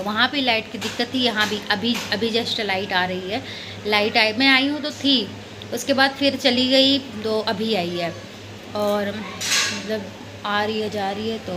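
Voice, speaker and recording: Young woman, chatty home vlog, phone mic, steady background noise. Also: medium pitch. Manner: chatty, rambling, self-narrating daily errands. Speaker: family vlogger.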